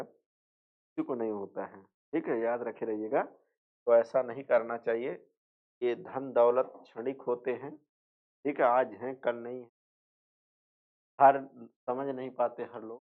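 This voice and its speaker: A male teacher giving an exam revision lecture, repeating points, asking and answering his own questions, and slipping into rural dialect for jokes. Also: medium pitch. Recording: tinny phone-like sound.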